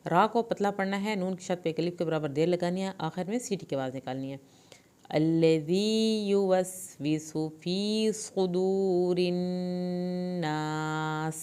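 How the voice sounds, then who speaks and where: A woman's voice: sits low, a little mellow. A woman teaching Quranic recitation with tajweed, explaining the pronunciation of each word patiently and step by step. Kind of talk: Quran recitation lesson with slow drawn-out recitation.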